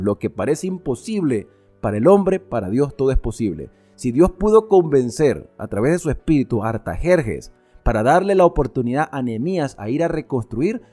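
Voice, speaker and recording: A man expounds scripture with a warm, mellow voice and a lively, swinging delivery, rising to fervent appeals and dropping to quiet emphasis. Faint music plays softly underneath his teaching. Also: medium pitch. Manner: animated, shifts between fervent exhortation and quiet emphasis. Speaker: Bible teacher. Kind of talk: Bible study explanation.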